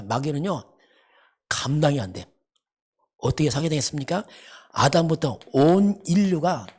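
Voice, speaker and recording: A male pastor delivers a church sermon with a husky, slightly raised voice. His pitch swings widely as he drives each point home through repetition. He keeps throwing rhetorical questions at the congregation. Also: darkish tone. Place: church sanctuary.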